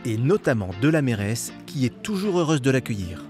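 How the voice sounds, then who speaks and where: A man's voice: medium pitch, very animated, fairly quick, music in the background. A man reading scripted documentary narration.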